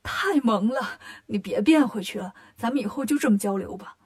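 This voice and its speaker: A woman voicing a timid, gentle monk master in a children's storybook tale, soft and fussy. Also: a little high, expressive, normal speed.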